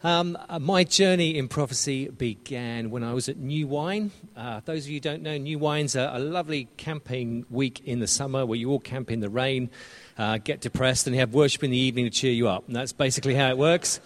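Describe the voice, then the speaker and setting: A man's voice: medium pitch, brisk. An English man introducing himself at a church conference in a wry, self-deprecating way. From England. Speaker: church speaker. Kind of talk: conference talk.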